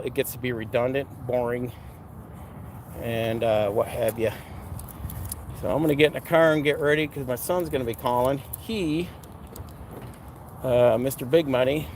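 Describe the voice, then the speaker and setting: Clear background noise of a vehicle or the outdoors surrounds a middle-aged man with a mid-pitched voice. He rambles casually to his vlog followers in a blunt, salty, somewhat abrasive way. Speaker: vlogger. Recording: noisy outdoor or vehicle ambience.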